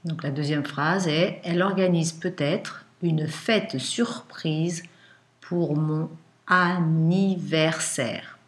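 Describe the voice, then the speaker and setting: A woman schoolteacher dictating to young pupils, pronouncing phrases word by word with deliberate pauses and repeats. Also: sits low, fairly even intonation. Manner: deliberate, sounding out words with pauses. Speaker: primary school teacher. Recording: echoey room.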